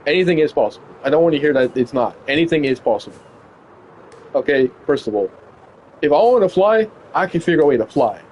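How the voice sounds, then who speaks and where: A man's voice: on the high side, animated, fast, darkish tone, muffled recording, slight background noise. A young man streaming live, arguing with a chatbot in a casual, incredulous way, swearing a lot.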